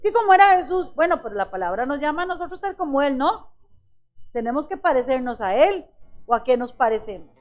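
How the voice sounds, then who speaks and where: A woman preaching a sermon to her congregation. She calls them brothers, asks many rhetorical questions and slows down to stress key phrases. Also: high voice, animated, soft background music. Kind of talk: church sermon.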